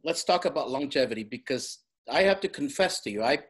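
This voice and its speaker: A woman's voice: rumbling low, animated, a little fast, breathy edge. A woman in her fifties hosting a vlog interview, chatty and self-deprecating, laughing often as she asks questions. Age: 50s. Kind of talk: casual interview chat.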